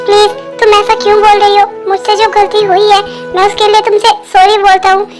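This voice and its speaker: A remorseful young husband, dubbed by a woman, pleads and stammers in a thin, very high voice that barely moves in pitch. Faint music plays softly underneath this fan dub. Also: monotone, a little fast.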